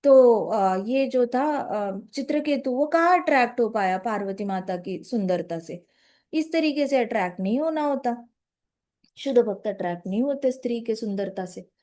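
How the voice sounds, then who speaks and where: Woman, high-pitched voice, devotional storytelling sermon, mixes in English words. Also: expressive, moderate pace, dark tone. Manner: explains in Hindi mixed with English words, acts out quotes. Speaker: spiritual speaker.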